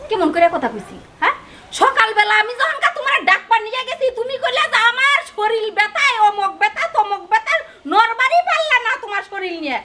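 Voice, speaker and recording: An actress playing a domineering, taunting middle-aged mother-in-law in a village family drama, with a shrill, scolding way of talking. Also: animated, brisk, sharp tone, heavily acted. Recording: noisy background.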